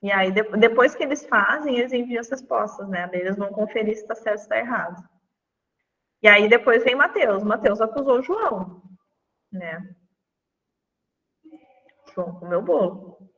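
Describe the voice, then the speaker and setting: A woman's voice: on the high side, moderate pace, fairly bright tone, big-room sound, distant mic, muffled recording. A woman teacher, walking colleagues through classroom games in an online lesson, chatty and full of fillers. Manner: chatty, demonstrates games on screen with many fillers.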